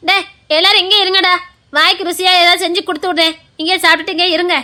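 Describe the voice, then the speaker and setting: An actress playing a bossy, motherly elder sister-in-law, speaking with a Tirunelveli accent in a brisk, scolding way. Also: extremely high pitch, level tone, pushed and bright, full character voice. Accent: Tirunelveli Tamil. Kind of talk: web series acting.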